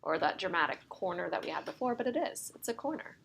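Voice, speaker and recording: With a fairly low, creaky voice and big swings in pitch, a woman math teacher talks fast while lecturing step by step. Her fairly bright tone is a little worn, as she's slightly losing her voice, and she often asks the class "right?" Slight background noise is audible.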